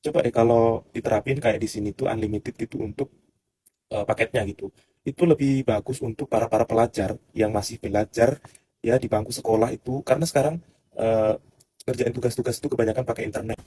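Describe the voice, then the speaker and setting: A man's voice: medium pitch, fairly even intonation, a little fast, dark tone, a little hiss or hum. An Indonesian man giving a casual vlog talk, rambling and calling his viewers "guys". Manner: rambling, full of fillers and restarts, addresses viewers as guys. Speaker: vlogger.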